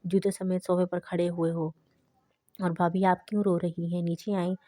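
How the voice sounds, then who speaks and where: Brief: narrator doing a stern, steady young man, dry close audiobook sound. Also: fairly low pitch, no room sound, close to an everyday voice. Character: serious young man, stern but kind.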